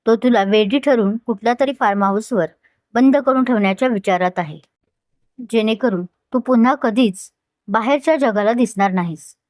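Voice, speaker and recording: A woman's voice: a little high, moderate pace, a little mellow, no echo, clean studio sound, natural voice. Scheming young woman, as a narrator reads her. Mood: insinuating. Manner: persuasive, insinuating.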